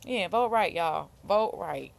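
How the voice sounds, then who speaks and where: An American woman hosting a casual live stream, reading viewer comments aloud and reacting with animated remarks. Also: fairly low pitch, takes it slowly, gravelly. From United States.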